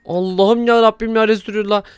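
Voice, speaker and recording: A man's voice: sits high, fairly quick, clear, resonant tone, no room sound. A man hosting a Minecraft role-play video, exclaiming a lot and talking straight to his viewers. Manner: excitable, exclaiming, talks to viewers. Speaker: YouTuber host and lead player.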